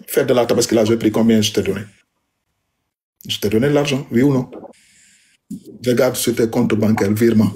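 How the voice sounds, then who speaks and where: A man's voice: medium pitch, warm tone. Aggrieved man, emphatic and repetitive. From Senegal. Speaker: husband addressing his wife. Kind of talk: heated personal address.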